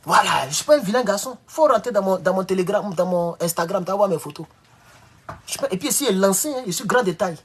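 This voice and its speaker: A man talking to viewers in a casual live-stream monologue. He rambles and swings between loud, high outbursts and low mutters. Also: lively intonation, fast talker, husky.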